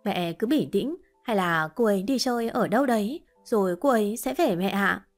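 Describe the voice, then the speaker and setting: A woman voicing a kind, calm young woman who speaks gently and reassuringly. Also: mid-range voice, moderate pace, faint music behind, lightly acted.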